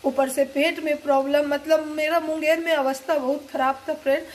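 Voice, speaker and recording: High-voiced woman vlogger with a cold. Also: little pitch movement, fairly quick, darkish tone. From eastern India. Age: middle-aged. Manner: chatty, rambling, addresses viewers as friends. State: has a cold and fever. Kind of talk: casual storytelling to camera.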